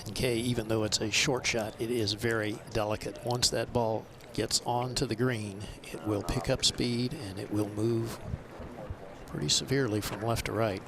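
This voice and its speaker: A man's voice: fairly low pitch, fairly even intonation, moderate pace. A man giving matter-of-fact live golf commentary, explaining the course. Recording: outdoor background noise.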